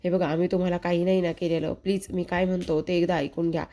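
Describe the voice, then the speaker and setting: A woman's voice: lowish voice, flat delivery, fast, mellow, lightly acted. Woman reading as a pleading young man. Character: flustered young man pleading his innocence.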